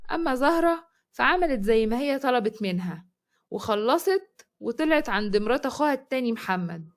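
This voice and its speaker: A woman with an Egyptian accent narrating a scripted story in a brisk, plain-spoken way. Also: fairly high pitch, expressive.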